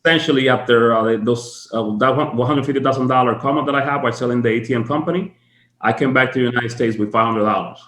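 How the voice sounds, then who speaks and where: Male guest from the Dominican Republic, quick and chatty, roomy call audio. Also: medium pitch, a bit bright. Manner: fast, chatty storytelling with many fillers. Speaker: guest, tax strategist. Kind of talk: casual podcast interview. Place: home office.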